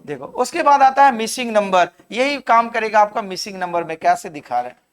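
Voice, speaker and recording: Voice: mid-range voice, lively intonation, a little fast. A reasoning teacher, giving a live classroom lecture, counting aloud and urging students to answer. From Jharkhand.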